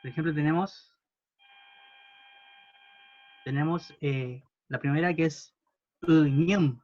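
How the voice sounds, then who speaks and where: A man teaching a language class, patiently modelling words slowly for students to repeat. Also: a little high, fairly even intonation, highs cut off, a little hiss or hum. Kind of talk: classroom pronunciation lesson.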